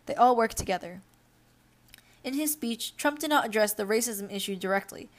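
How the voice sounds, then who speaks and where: A woman's voice: on the high side, animated, normal speed. Young woman hosting a news-reading podcast. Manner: unscripted asides with fillers between read passages. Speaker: podcast host. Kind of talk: reading news articles aloud with commentary.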